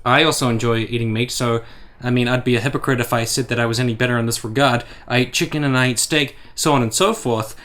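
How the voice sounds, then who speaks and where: A man talks through an opinion vlog in a blunt, sarcastic way, swearing freely. His voice sits at an ordinary pitch and his pace is conversational. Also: steady tone, fast, fairly bright tone. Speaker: commentary YouTuber.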